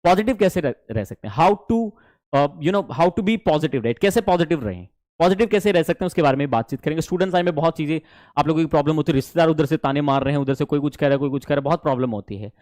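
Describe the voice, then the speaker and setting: A young adult man with an Indian accent, teaching an online spoken English class in an animated way and mixing English phrases into Hindi. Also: on the high side, fast talker, no room sound, studio quality.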